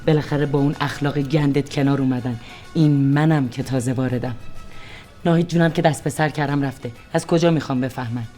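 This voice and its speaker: Brief: scheming daughter-in-law, very low, dark voice, faint music. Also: female voice, steady tone. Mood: pleading. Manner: bossy and pleading.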